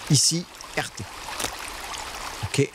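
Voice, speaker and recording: A man streaming a survival game, talking to his chat in casual live commentary and shrieking high when startled. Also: very slow, noisy background.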